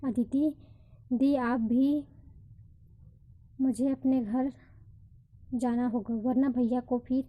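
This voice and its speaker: A woman voicing a gentle, forgiving young woman who speaks softly and consolingly. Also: sits high, fairly even intonation, slow, pauses often, muffled recording.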